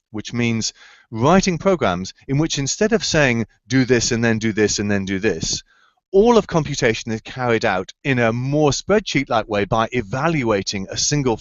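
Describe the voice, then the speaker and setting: This medium-pitched man is very animated and speaks at a moderate pace, answering student questions in a remote Q&A. He often searches for words, filling gaps and restarting, and the video-call audio is dry with no room sound and slightly dull.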